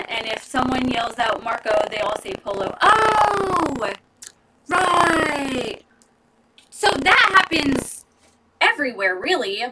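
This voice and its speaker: Her high-pitched voice is recorded from a distance with background noise as this thirties-aged vlogger chats live with viewers from home. Traffic runs on the street outside while she rambles casually, laughing often.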